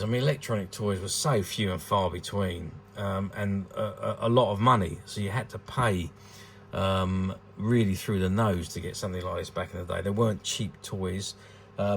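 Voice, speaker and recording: This low, gravelly male voice comes with a little hiss or hum on the recording. The speaker is a British vintage toy dealer in his sixties presenting a collectable, and his unscripted product talk is rambling and hesitant, full of repeated words.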